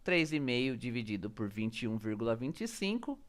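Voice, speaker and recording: A physics teacher talks through a solved problem one step at a time. His pitch moves around a lot as he reads out each calculation. The delivery is methodical, term by term. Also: big pitch swings, moderate pace. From Brazil. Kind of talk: step-by-step worked-problem explanation.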